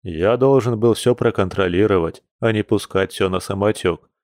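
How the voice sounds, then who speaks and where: Dude voicing a miserable hungover werebear guy, low groaning, self-pitying, dry sound. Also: normal speed, darkish tone, dry recording, natural voice. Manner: groaning, mournful. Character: hungover male bear werewolf, gloomy and self-pitying.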